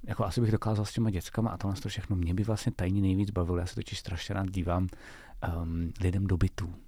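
Low voiced guy rambling on a podcast, lots of fillers, dry sound. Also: little pitch movement, warm tone, dry recording. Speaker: podcast co-host. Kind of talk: casual chat.

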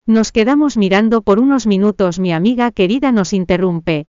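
Woman reading a first-person story, smooth clear voice, dry kinda dull audio. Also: mid-range voice, moderate pace, no echo. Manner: steady reading with acted dialogue. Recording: dull, dry close recording.

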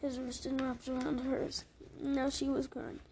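A woman reads a novel aloud in a halting way, now and then restarting a word. Her voice is high yet mellow, with a gravelly edge and a fairly flat delivery. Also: a little hiss or hum, rough recording. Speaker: reader.

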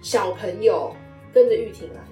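A woman's voice: medium pitch, normal speed, mellow, roomy sound, far from the mic, soft background music. A woman hosting a casual chat who asks questions and answers with short back-channel words. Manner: short encouraging responses and questions. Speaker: host.

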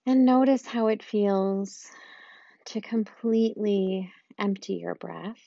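A woman guiding a loving-kindness meditation in a slow, soft and soothing way, with long pauses. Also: medium pitch, steady tone, vocal fry, no echo, lo-fi sound. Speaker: meditation guide.

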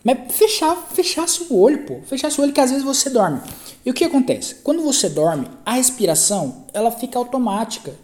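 A man's voice: very high-pitched, sing-song, fairly quick, a little mellow. A man with a Brazilian Portuguese accent hosting a podcast, telling a story in a casual, rambling way, often restarting and repeating himself. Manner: rambling, self-correcting, repeats phrases, slangy. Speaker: podcast host.

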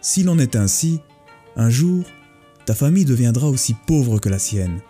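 A man's voice: mid-range voice, big pitch swings, moderate pace, warm tone, husky, soft background music. A man voicing a young trickster who poses as a mountain goblin, giving haughty commands. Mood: commanding.

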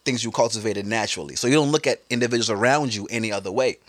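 A man's voice: medium pitch, very fast, no echo. A man hosting a casual podcast, loose and joking as he makes his points. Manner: loose, expressive, joking, mock voices. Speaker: podcast host. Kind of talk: casual banter.

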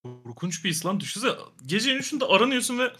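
A man reacts in an animated, exclaiming way in a casual podcast chat. He talks fast with a bright, husky voice. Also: sits high, soft background music. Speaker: podcast co-host.

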